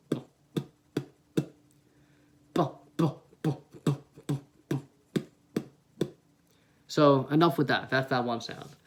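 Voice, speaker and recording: A man on a headset mic giving a casual beatboxing tutorial, explaining step by step and demonstrating the sounds. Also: mid-range voice. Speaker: beatbox teacher.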